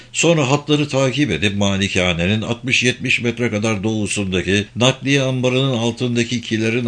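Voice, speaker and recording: A man's voice: fairly low pitch, fairly bright tone, lightly acted. A man voicing a captain who reports a raid over a radio in a terse, matter-of-fact way.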